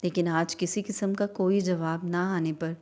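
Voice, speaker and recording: A woman reading a dramatic novel aloud in steady, dramatic storytelling narration. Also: lowish voice. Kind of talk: scripted audiobook narration.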